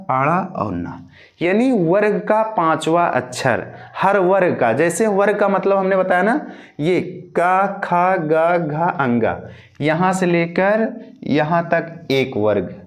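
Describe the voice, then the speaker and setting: A male teacher giving a lesson, addressing students directly and chanting memory verses slowly, each line twice. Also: high-pitched, very animated. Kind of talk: classroom lesson.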